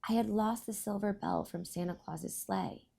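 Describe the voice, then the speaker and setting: A woman hosting a children's storybook read-aloud, speaking in deliberate phrases and explaining things to young listeners. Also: medium pitch, fairly even intonation, creaky, dark tone, slightly rough.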